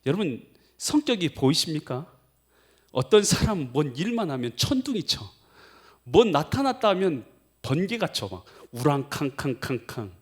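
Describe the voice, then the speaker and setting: A man's voice: on the high side, normal speed, husky. A male pastor preaching a sermon, keeping the congregation engaged with frequent questions. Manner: animated, quizzes the congregation with questions.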